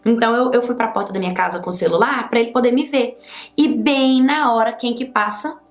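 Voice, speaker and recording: A woman's voice: a little high, fairly quick. A young woman with a Brazilian accent telling a personal story in a chatty, emphatic way. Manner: chatty, emphatic, many fillers. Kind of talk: casual storytime. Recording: echoey room.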